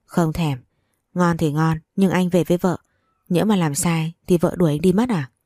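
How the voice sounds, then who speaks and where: A woman's voice: fairly low pitch, normal speed, warm tone, dry recording, studio quality, natural voice. A woman voicing a tipsy, playful young husband who coaxes his wife. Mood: coaxing.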